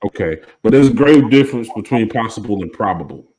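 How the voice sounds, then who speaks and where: A man in a casual podcast discussion. He speaks emphatically and makes his points by circling back with the same checks on his listener. His voice sits a little on the low side. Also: lively intonation, a little fast, a little mellow, slight background noise, low-quality recording. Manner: emphatic, repeats "you know what I mean". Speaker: podcast co-host.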